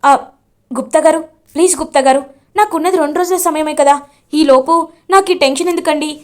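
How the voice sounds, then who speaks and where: A ghostly young woman begs for help, urgent and high. A woman narrator puts her on while retelling the story. The begging comes fast and insistent. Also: lightly acted. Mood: pleading. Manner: pleading, begging.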